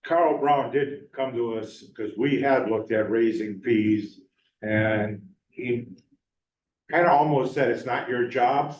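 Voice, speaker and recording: Male resident at public forum, earnest and deliberate, off-mic in a roomy, dull meeting-hall recording. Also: medium pitch, darkish tone, recorded from a distance. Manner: earnest, measured, slows to stress points. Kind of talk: public comment at a town meeting. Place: town meeting room.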